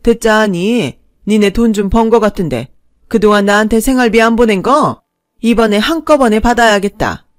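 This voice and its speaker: A woman voicing a pushy, shameless older stepmother-in-law who nags and wails loudly. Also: mid-range voice, normal speed, dry recording, studio quality, lightly acted. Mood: scolding. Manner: loud, wailing, nagging.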